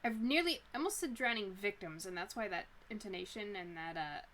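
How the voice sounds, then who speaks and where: A woman's voice: medium pitch, lively intonation, fairly quick, fairly bright tone, slight background noise, low-quality recording. A woman chatting casually as she plays a visual novel and rambles through her thoughts. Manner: chatty, rambling, laughs a lot. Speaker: let's player and streamer. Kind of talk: casual gameplay commentary.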